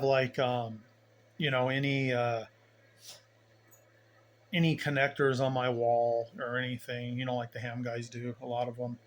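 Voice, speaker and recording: A man gives a rambling, folksy tour of his radio station gear at his home bench, talking through it unscripted as he thinks. His voice is medium in pitch and a bit bright, with noticeable background noise in the home video.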